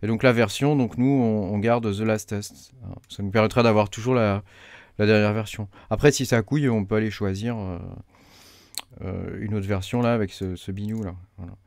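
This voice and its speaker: Hesitant man explaining software. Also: on the low side, steady tone, normal speed, no echo, studio quality. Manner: hesitant, many fillers, thinks aloud while clicking. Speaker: crypto mining tutorial host. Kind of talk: casual screen-recorded tutorial.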